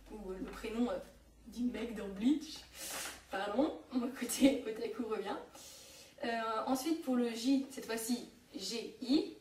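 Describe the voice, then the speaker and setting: A young woman from France explains things in a casual home-made lesson, pausing on fillers and fixing her own slips. Her voice sits a little high. She is recorded from some distance in an echoey room with a faint hiss behind her. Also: darkish tone. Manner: hesitant, many fillers and self-corrections. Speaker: online Japanese teacher.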